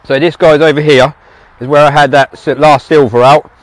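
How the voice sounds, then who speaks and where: A man's voice: on the high side, steady tone, normal speed, dry recording, low-quality recording. A British man chatting to viewers while metal detecting outdoors. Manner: chatty, addresses viewers as guys. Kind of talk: casual narration while digging outdoors. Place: open field outdoors.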